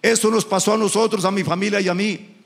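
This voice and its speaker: Middle-aged man, fiery preacher with a high, gravelly voice, booming through a reverberant church. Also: steady tone, fast. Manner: impassioned, repeats "hermano" often; rises into sung, shouted cadences. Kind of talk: sermon. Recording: echoey hall reverb.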